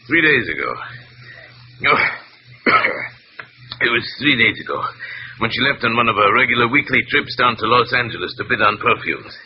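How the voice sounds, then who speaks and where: In a 1940s-50s American radio drama, an actor plays a huge, demanding, worried businessman, speaking in an imperious, irritable, formal manner. His natural, medium-pitched voice is animated at a normal speed with long pauses, heard through a dull, noisy vintage radio recording.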